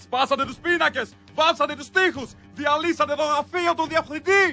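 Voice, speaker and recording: A shrill comic official barks insults at a rebellious student. His voice is extremely high and squeaky. A clear music bed runs under him. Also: bright, forceful tone, full character voice. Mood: scolding. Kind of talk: satirical sketch acting.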